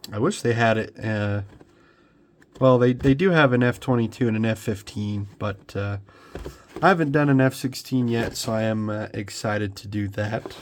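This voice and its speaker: A congested young man, clearly with a cold, unboxes a kit at the workbench where he builds scale models, chatting loosely and restarting often amid many ums. His voice is on the low side with a little background noise.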